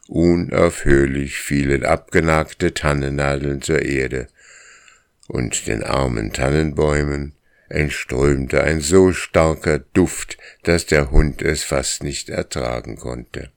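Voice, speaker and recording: Male audiobook narrator with a very deep, unhurried read and a dry, close sound. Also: gravelly, no room sound. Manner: slow, measured storytelling. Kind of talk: scripted narration.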